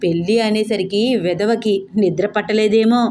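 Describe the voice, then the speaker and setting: A woman's voice: mid-range voice, normal speed, slight background noise, lightly acted. A woman voicing a bossy old grandmother who scolds and orders her family around. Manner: sharp, commanding, scolding.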